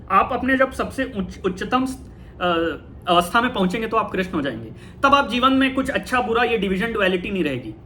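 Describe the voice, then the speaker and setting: A man giving a casual talk on spirituality, thoughtful, pausing and correcting himself often. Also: high-pitched, pushed and bright, a little hiss or hum. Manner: thoughtful, with frequent fillers and self-corrections. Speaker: talk host.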